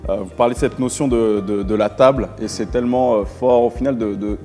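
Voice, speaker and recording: A man co-hosting a ministry broadcast, praying and talking softly and haltingly with frequent fillers. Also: mid-range voice, fairly even intonation. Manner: soft affirmations, halting with fillers. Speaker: ministry co-host. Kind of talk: prayer and conversation. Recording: long hall reverb. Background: faint music.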